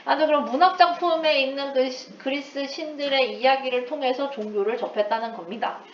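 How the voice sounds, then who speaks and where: A woman teacher with a slightly high voice explains her lesson in a lively way, tossing in playful asides and English terms. She sounds set back from the microphone in an echoey room. The recording is dull and lo-fi, with faint noise underneath. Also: brisk, far from the mic. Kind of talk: recorded lecture.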